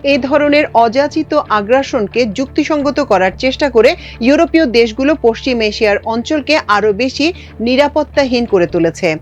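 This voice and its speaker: A woman presenting international news, reading a script in a measured, formal way. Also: high voice, expressive, dull audio. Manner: measured formal newsreader delivery.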